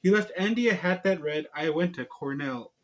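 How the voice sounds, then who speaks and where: With lively intonation and a moderate pace, a man whose voice runs a little high hosts a homemade video. He chats informally and reads a storybook aloud, stumbling slightly as he goes.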